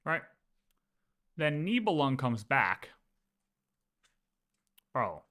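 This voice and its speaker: With a bright, forceful voice in an ordinary male pitch range, a man explains lore to chat like a casual game streamer. He's informal and animated, repeating himself and dropping in quick check-ins with viewers as he goes.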